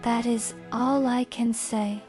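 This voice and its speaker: A woman's voice: fairly high pitch, steady tone, slow, darkish tone. A woman playing a weary, haunted young victim in a horror audio drama, speaking in a drained, dreamy way. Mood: exhausted, entranced. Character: weary, haunted young woman falling under a vampire's spell. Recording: music behind the voice. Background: music.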